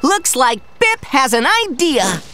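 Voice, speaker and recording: An actor voicing a kindly, patient panda doctor in a children's cartoon, narrating and coaxing viewers with questions. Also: male voice, very high voice, big pitch swings, unhurried, exaggerated voice. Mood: cheerful. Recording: voice over loud background music.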